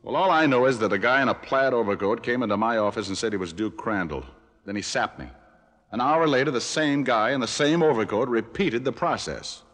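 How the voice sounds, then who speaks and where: A man's voice: mid-range voice, animated, fairly quick, fairly bright tone, lightly acted. An actor playing a wisecracking, hard-boiled male private detective in 1940s radio style, wry and sardonic. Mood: wry, defiant.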